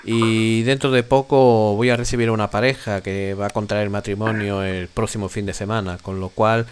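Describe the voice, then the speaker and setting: A man's voice: fairly low pitch, fairly even intonation, moderate pace, natural voice. A man voicing a kindly, humble priest in a tabletop game, with a Castilian accent and a courteous, hesitant manner. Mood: obliging. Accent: Castilian Spanish. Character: kindly, humble, talkative male church priest. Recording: faint noise on voice chat.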